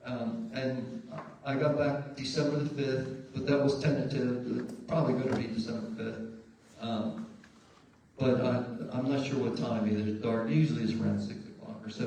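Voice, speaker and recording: A man's voice: mid-range voice, moderate pace. A man chairing a community meeting, speaking casually with many fillers and restarts. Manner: relaxed, rambling with fillers. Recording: echoey room, mic far off, background noise.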